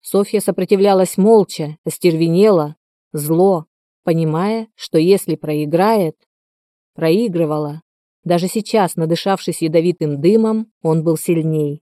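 A woman narrates an audiobook in a low, mellow voice. Her reading is steady and even. The sound is close and dry. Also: a little slow, no room sound. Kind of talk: scripted narration.

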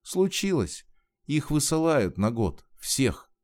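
A man's voice: medium pitch, sing-song, a little mellow, pitched above the performer's own voice. A man doing a frightened young woman near tears. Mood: upset. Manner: pleading, halting, raised voice.

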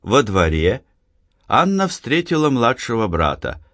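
A man narrating a story aloud in an expressive audiobook reading. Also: medium pitch, unhurried, no echo, clean studio sound.

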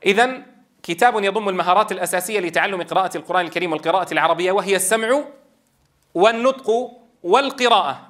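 A man's voice: high-pitched, a bit bright. A man, a Quran teacher trainer, explaining step by step and asking the class rhetorical questions. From Levant. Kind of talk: lecture.

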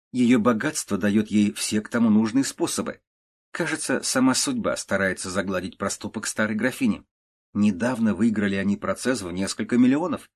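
A man narrating a classic prose story in a measured, even audiobook reading. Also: on the low side.

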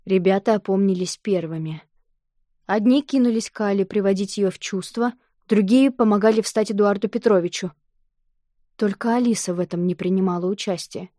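A woman narrating a children's story aloud in a lively storytelling manner. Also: medium pitch, normal speed, no echo, studio quality. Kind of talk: audiobook reading of a children's story.

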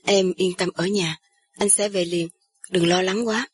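A woman's voice: fairly low pitch, steady tone, measured pace, slightly rough. A woman voicing a reassuring young man. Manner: reassuring, firm. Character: young man, steady protective son.

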